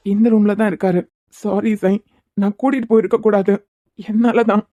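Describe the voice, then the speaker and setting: A woman's voice: mid-range voice, fairly even intonation, moderate pace, warm tone, no echo, lo-fi sound, close to an everyday voice. A woman voicing a worried, self-blaming young engineer in a cartoon series, with a Kanyakumari Tamil accent. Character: guilt-ridden worried young man, engineer.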